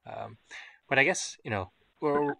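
A man's voice: mid-range voice, a little slow, creaky, sharp tone, dry recording. A man hosting a casual podcast chat, rambling and hedging with lots of fillers. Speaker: podcast host.

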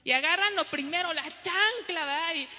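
A middle-aged woman preaches to her congregation in an animated way, slipping into the voices of parents and children. Her voice sits high and bright. It rings with a long reverb, as if she is speaking in a big hall. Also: moderate pace. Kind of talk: sermon to a congregation.

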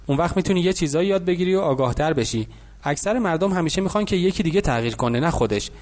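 A man voicing a wealthy older businessman who calmly lectures a boy in an audiobook. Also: fairly high pitch, close to an everyday voice. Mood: lecturing. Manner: patient, instructive.

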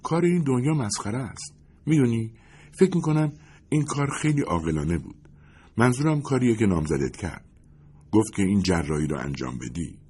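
A curious, teasing young woman from a storybook, lifted well above the reader's own deep register, as a man puts her on. Her voice carries a husky grain and swings widely in pitch, earnest one moment and prodding the next. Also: lively intonation. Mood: musing. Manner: earnest and prodding, softening to a whisper when sneaking.

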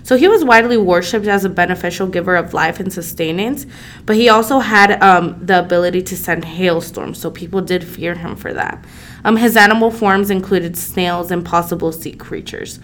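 A woman's voice: on the low side, moderate pace. A young woman from El Salvador, a podcast co-host, telling folk legends in a casual, conversational way with many fillers. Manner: conversational, frequent um and you know fillers. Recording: faint background noise.

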